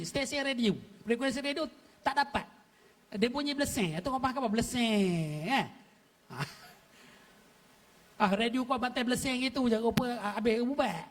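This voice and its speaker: A man's voice: very high-pitched, a bit bright. A man gives an explanatory forum talk on local dialect words. He quizzes the audience and chuckles often. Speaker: panel speaker on local dialect.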